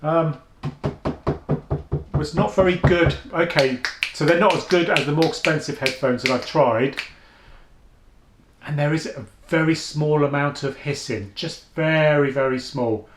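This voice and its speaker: In a reverberant home setting with a noisy background, a deep-voiced man talks through a casual headphone review vlog. He speaks at a measured pace and pauses often, thinking aloud in a chatty way full of restarts and fillers.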